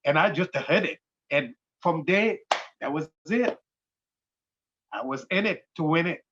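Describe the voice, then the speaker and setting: A man in his sixties with a Senegalese accent, a dance company founder telling his life story in a halting, unhurried way with many fillers. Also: a little high, lively intonation, noisy background. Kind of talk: personal interview storytelling. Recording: dull lo-fi recording.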